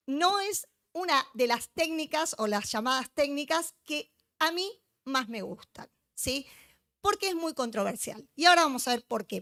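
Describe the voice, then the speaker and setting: A woman's voice: high-pitched, a bit bright, no echo. A woman giving a joking, chatty conference lecture, teasing her live audience. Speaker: conference speaker.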